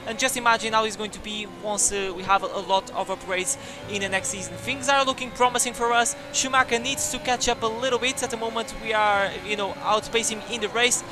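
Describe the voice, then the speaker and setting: A young man commentating his own racing game career with energetic, jokey delivery that bursts into shouts at crashes. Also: high voice, a little fast, over music. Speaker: gaming YouTuber.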